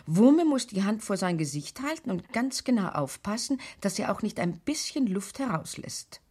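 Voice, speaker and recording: A woman tells a children's story as narrator, calm and clear. She speaks at an even, mid-height pitch with a steady, scripted storybook delivery. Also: moderate pace.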